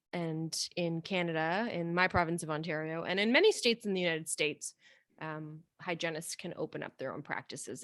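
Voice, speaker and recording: Romania-raised woman in her thirties, hygienist guest, casual and jokey, low voice. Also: fairly bright tone, dry recording, studio quality. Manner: chatty, joking, lots of "like". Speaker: guest, dental hygienist and practice owner. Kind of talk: casual interview chat.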